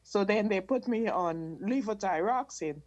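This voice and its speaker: A woman's voice: medium pitch, lively intonation, unhurried, a little mellow, muffled recording. A woman from Guyana, calling in for advice over a video call and speaking hesitantly, often restarting her sentences. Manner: hesitant, restarts and repeats words. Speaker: caller seeking advice. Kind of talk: casual conversation.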